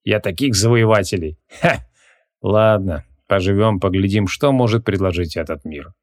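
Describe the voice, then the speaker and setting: A man voicing an arrogant, quick-tempered ancient archmage who talks gruffly and scornfully. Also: on the low side, lightly acted.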